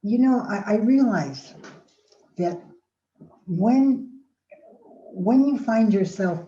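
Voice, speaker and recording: An older woman speaking about aging well gives a slow, expressive motivational talk in a mellow, slightly low voice. She shifts between storytelling and acting out inner voices, sighing and restarting, in a dull recording that echoes around a roomy space.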